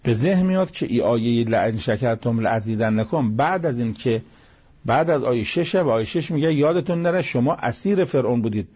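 A man's voice: medium pitch, expressive, darkish tone, slightly rough. A man giving a religious commentary lesson, explaining each verse and repeating key phrases for emphasis. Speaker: Quran commentator.

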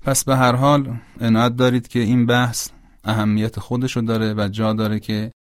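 A man teaching a spoken religious lesson, formal and measured, explaining patiently with examples. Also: medium pitch, level tone, clean tone, no echo, clean studio sound. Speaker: religious instructor. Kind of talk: spoken lesson on prayer pronunciation.

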